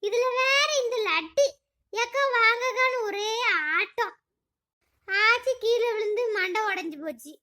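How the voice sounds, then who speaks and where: A woman putting on a fussy cartoon big sister who chatters and scolds in a very high, squeaky pitch. She rattles off her lines quickly. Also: sharp tone, heavily acted. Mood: fretting. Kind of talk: cartoon comedy voice acting.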